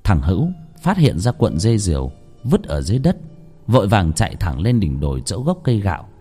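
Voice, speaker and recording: A man narrating a rural ghost story in an expressive storytelling voice. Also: a little fast, husky, soft background music. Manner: expressive storytelling with a wide pitch range.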